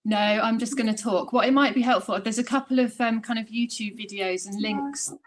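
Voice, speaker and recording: A woman's voice: a little high, fairly quick. A woman in her thirties with a British accent, a guest speaker joining a video call from her living room and talking informally with a few fillers. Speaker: guest speaker, scrap store chair. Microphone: laptop webcam video call.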